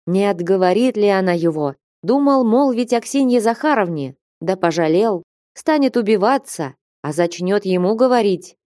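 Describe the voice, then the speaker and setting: A woman voicing a worried, pious old male servant in an audiobook, slow and musing. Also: medium pitch, dark tone, dry recording, clean studio sound, lightly acted. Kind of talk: audiobook character reading.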